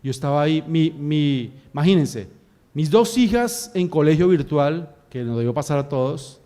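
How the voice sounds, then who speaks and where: A pastor preaching with a notably high, light voice. He tells his story with lively energy, playing out each scene and the people in it as he goes. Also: moderate pace. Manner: animated storytelling, acts out scenes. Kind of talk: sermon.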